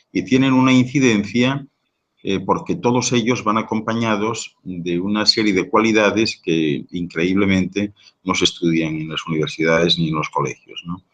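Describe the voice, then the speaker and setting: A man's voice: low-pitched, a bit bright, lo-fi sound. A man giving a live talk, answering audience questions with long explanations and frequent rhetorical question tags. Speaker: guest speaker on sound and language.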